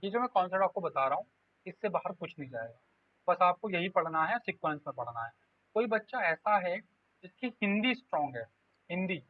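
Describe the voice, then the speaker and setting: A man from India teaches an exam-prep grammar lesson, walking through each step and voicing the questions his students might ask. His voice sits high, and the dry, echo-free audio sounds tinny, like a phone.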